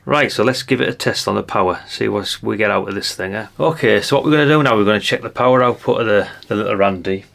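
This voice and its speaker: He speaks fast and creaky with hardly any pauses, in a low-leaning, slightly bright voice. This older man hosts a radio gadget review channel and is demonstrating a product hands-on, chatty and unscripted, thinking out loud.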